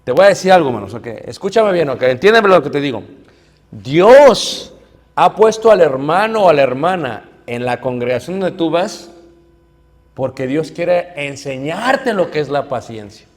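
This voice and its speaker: A man's voice: on the high side, moderate pace. A middle-aged man preaching a sermon, telling stories and acting out the people in them. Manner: animated storytelling, acts out quoted voices. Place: church hall. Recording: church hall reverb.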